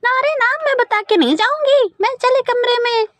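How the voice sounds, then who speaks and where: A bossy, sharp-tongued old crow mother-in-law from a cartoon, voiced by a woman. Her voice sits very high, and she snaps and scolds in a dry, close recording. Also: fairly even intonation, a little slow, no echo. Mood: scolding. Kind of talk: cartoon voice acting.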